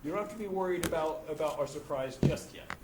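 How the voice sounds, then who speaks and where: Man calmly explaining a card game live. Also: fairly high pitch, far from the mic. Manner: explanatory, measured. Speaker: stream commentator. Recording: roomy hall mic from afar with crowd.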